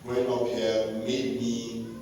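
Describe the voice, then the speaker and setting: A man's voice: mid-range voice, level tone, takes it slowly, dark tone. A man in his forties telling his life story to an audience in a reflective way, with many "you know"s and restarts. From Nigeria. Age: 40s. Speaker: guest speaker, film producer. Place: large echoey hall. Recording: echoey hall from far off, noisy.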